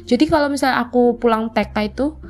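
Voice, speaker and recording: A woman's voice: on the high side, fast talker, darkish tone. A young woman hosting a podcast, telling childhood stories in a chatty, filler-heavy way and acting out old quotes. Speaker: podcast host. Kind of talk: casual storytelling chat.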